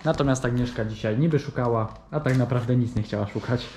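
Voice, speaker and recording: A man's voice: mid-range voice, fast talker, a little mellow, slight background noise. A man chatting casually in a vlog, talking straight to his viewers from the car, the shops and his home. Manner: chatty, addresses viewers directly. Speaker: vlogger.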